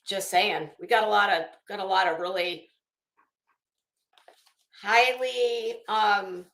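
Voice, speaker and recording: A middle-aged woman hosts a casual livestream, rambling through stories in a sassy, wry and profane way. Her mid-range voice is slow and a bit bright, with a roomy sound.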